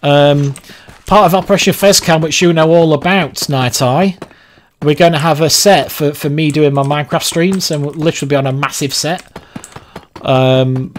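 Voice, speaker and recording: Guy streaming and chatting, fairly high voice, rambles on and laughs a lot. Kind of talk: casual livestream chat.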